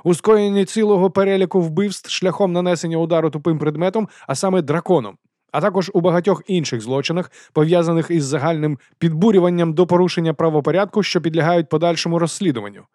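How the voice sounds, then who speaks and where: A man's voice: a little high, steady tone, fast, a little mellow, dry recording, studio quality, pitched above the performer's own voice, lightly acted. Man doing an earnest, formal young constable. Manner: formal, earnest, reading out rules.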